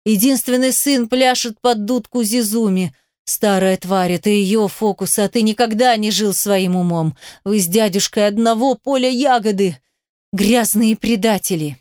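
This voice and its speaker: A cornered older herald, a father who betrayed his oath, pleads and lashes out in an audiobook scene, as a woman reader puts him on. His voice sits at a middling pitch, close and dry with no room around it. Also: unhurried, darkish tone, no echo, lightly acted. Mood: spiteful. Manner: desperate, pleading then spiteful. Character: aging male herald, pleading, bitter traitor father.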